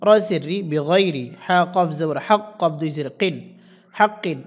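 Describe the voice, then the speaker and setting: A man teaching Quran recitation, spelling out letters and vowel marks one by one and then chanting the verses slowly. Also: a little high. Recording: dull lo-fi sound.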